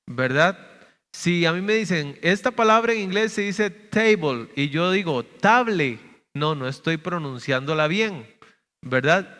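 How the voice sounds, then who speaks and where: A man's voice: fairly high pitch, a bit bright, in a large hall. A male pastor teaching a sermon, explaining step by step and often checking with "¿verdad?". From Costa Rica. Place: church sanctuary.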